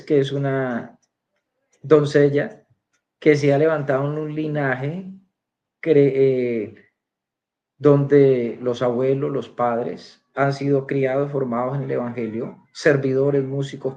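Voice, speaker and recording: A man recounts his church testimony in a storytelling manner, switching into the voices of the people in his story. His voice sits at a middle pitch. The recording sounds dull and lo-fi. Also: little pitch movement, slow pace, dark tone. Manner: storytelling, acting out quoted dialogue. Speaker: church member giving a testimony. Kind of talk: spoken personal testimony.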